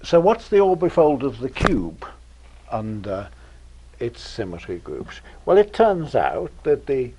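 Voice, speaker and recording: A man giving an informal university math lecture, pausing often with ums and uhs and adding dry humor. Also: medium pitch, a little mellow, slightly rough. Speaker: mathematics professor lecturing. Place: lecture room with audience.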